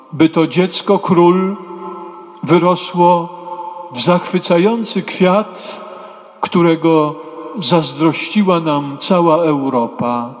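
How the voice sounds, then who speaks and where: A man delivers a sermon in a slightly high voice, unhurried and solemn, breaking his sentences into short measured phrases that now and then drift into a half-sung chant. His words hang in the long reverb of a church. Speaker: preacher.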